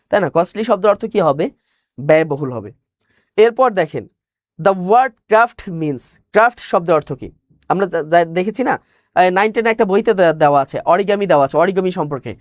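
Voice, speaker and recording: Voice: medium pitch, no room sound, studio quality. An exam-prep teacher, giving a live online class, who asks questions, answers them and repeats the key words.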